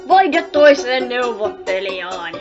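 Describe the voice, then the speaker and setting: A woman's voice: on the high side, sing-song. A woman doing a foul-mouthed cartoon pirate captain. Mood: angry. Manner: threatening, barking, swearing. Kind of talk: amateur fan dub. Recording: muffled audio with music underneath.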